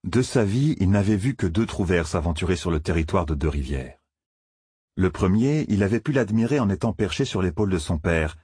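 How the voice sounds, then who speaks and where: Husky low storybook narrator. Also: male voice, darkish tone, no room sound, studio quality. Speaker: audiobook narrator. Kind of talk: scripted fantasy novel narration.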